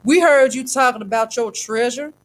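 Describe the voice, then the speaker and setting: A woman voicing rough young male thugs who talk in a threatening, street-tough way. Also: fairly high pitch, moderate pace, pitched above the performer's own voice, lightly acted. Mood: menacing.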